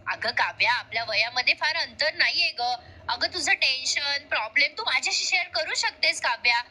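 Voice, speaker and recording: A woman's voice: sits high, expressive, normal speed, pushed and bright, heavily acted. A woman voicing a sugary, prying young woman. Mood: coaxing. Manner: coaxing, overly sweet.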